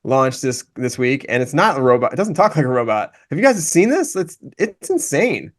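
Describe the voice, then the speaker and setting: A man's voice: mid-range voice, sing-song, fairly quick. A man hosting a podcast in casual chat, rambling through restarts and fillers. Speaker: podcast host.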